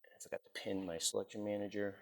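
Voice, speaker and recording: A man with a Boston accent giving a relaxed, joking, step-by-step software demo at a conference session. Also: lowish voice, fast talker, creaky. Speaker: presenter. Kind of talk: live technical demo.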